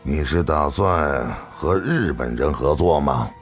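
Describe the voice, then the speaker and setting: A man's voice: a bass voice, expressive, slow pace, fairly bright tone, pitched below the performer's own voice, full character voice. A man voicing a cold, aloof older master who answers in curt, scornful lines over faint music.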